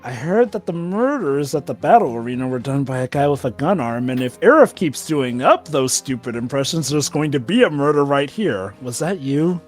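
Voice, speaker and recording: A man's voice: mid-range voice, animated, moderate pace, hardly any pauses, faint music behind, close to an everyday voice. Man acting Barret, a burdened, emphatic game fighter. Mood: brooding. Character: burdened, hot-tempered gun-armed man from a fantasy game. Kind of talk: amateur read-aloud of game dialogue.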